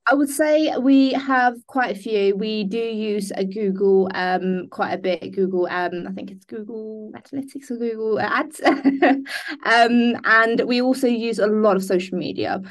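A woman's voice: fairly high pitch, unhurried. A young woman born in Denmark, a business founder speaking in a video call interview, hesitant with many ums and restarts. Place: indoor room. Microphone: laptop webcam on a video call.

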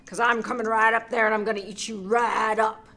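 Storybook troll, male, mean and ugly, booming and slow, high-pitched bellow, read by a woman. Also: level tone, sharp tone. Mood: menacing.

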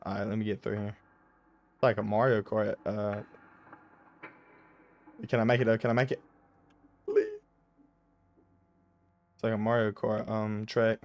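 A young man giving casual, jokey commentary while playing a horror driving game, slangy and quick to yelp when startled. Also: on the low side, little pitch movement, a little mellow. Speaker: gaming YouTuber.

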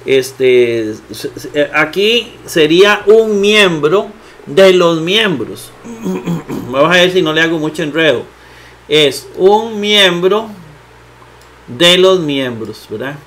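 Slow, deliberate man teaching grammar. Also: on the high side, expressive, fairly bright tone. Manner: slow, repetitive, with many fillers and rhetorical questions. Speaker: Bible teacher. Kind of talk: grammar lesson with screen.

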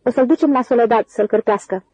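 A woman voicing a calm, commanding grown man working on a ranch, read in an audiobook. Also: on the high side, husky, dry recording, low-quality recording. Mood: steady.

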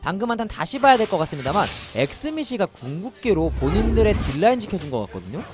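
A man commentating a live game as an excitable esports caster, urgently repeating phrases. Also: high voice, quick pace, over music.

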